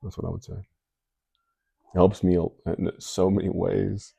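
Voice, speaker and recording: A man's voice: low-pitched, flat delivery, takes it slowly, creaky, dark tone, breathy edge, no room sound. A man hosting a casual chat, musing loosely about life with lots of fillers. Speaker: host.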